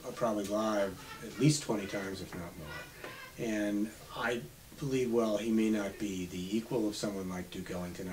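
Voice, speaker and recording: A man in his seventies, an author being interviewed on radio, telling unhurried stories from his past. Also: on the low side. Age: 70s. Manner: reminiscing, unhurried storytelling. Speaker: author guest. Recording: slightly distant mic with faint hiss.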